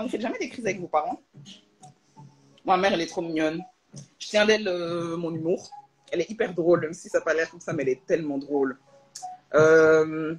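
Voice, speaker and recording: A young adult woman chatting casually on a live stream from her room at home, animated and slangy, full of jokes and asides. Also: fairly low pitch, rough recording. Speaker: social media creator on a live stream. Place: at home, in a room with a closed door.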